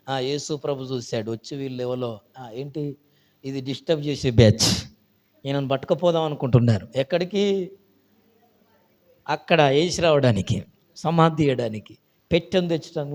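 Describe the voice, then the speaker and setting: A man pastor preaching a sermon, calling out hallelujahs and swinging between loud declarations and hushed storytelling. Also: fairly high pitch.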